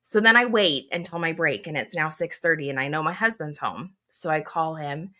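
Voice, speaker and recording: Middle-aged woman, podcast co-host, animated storyteller, bright tone, lowish voice. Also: normal speed. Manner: animated storyteller, laughs often. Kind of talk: casual chat.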